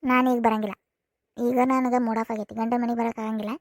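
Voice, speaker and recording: A woman's voice: a little high, level tone, fast talker, no echo, close to an everyday voice. A woman voicing a spoiled, sulky young wife in a cartoon comedy, with a North Karnataka accent, whining and repeating her complaints. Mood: indignant. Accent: North Karnataka Kannada. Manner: whiny, complaining, repeats herself.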